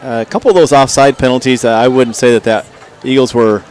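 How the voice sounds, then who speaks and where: A man giving conversational, measured football analysis as a color commentator on a radio broadcast. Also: mid-range voice, fairly even intonation, a little mellow, clear, resonant tone. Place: stadium broadcast booth. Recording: crowd and faint outdoor noise behind.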